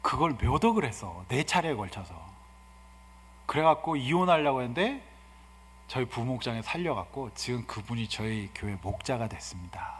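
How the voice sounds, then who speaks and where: A man in his fifties, a guest pastor preaching a sermon, swinging from soft asides to loud exhortations. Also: medium pitch, slightly rough. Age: 50s. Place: church sanctuary. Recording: hall reverb in a church.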